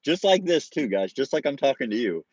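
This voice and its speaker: A man in his forties tells a story to his viewers in a relaxed, joking way, with mild swearing and laughter. His voice sits at an ordinary middle pitch. The audio is dull and lo-fi, and it sounds dry and close. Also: a little fast, dry recording. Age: 40s. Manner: laid-back, swears freely, laughs through his story. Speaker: streamer.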